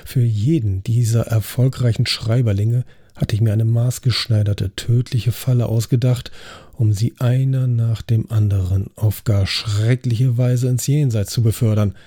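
A male narrator reads a story aloud in the first person, with a very dark, mellow tone and a husky edge. His delivery is scripted and expressive. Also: medium pitch, measured pace. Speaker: audiobook narrator.

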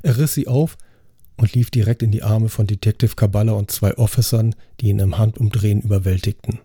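A man reading a crime novel aloud as an audiobook narrator, in a steady, measured way. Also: on the low side, slightly rough, no echo, studio quality. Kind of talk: scripted narration.

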